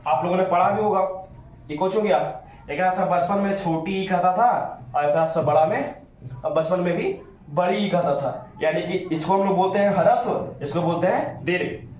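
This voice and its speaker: A male teacher gives a grammar lesson, drawing out vowel sounds to demonstrate them and coaxing his students with questions. His voice sits high with a darkish tone. The room is very echoey, with slight background noise.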